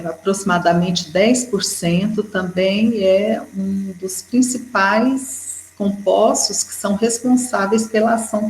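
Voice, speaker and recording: A woman with a Brazilian Portuguese accent giving an educational lecture, explaining steadily and often checking in with a quick "né". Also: medium pitch. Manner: explanatory, with frequent "né" fillers. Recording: echoey room.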